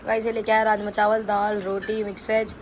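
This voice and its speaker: A woman's voice: mid-range voice, brisk. A young woman filming a casual family vlog at home, chatting straight to her viewers as she goes. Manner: chatty, lively, addresses viewers directly. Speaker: family vlogger. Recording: noisy phone recording at home.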